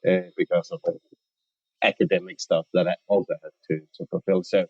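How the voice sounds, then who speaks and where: Guy, researcher, kinda low voice, slow careful answers, dry muffled audio. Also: very animated, darkish tone, slightly rough, dry recording. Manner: thoughtful, hesitant, restarts often. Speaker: researcher and award winner. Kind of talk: interview answer. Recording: dull lo-fi dry sound.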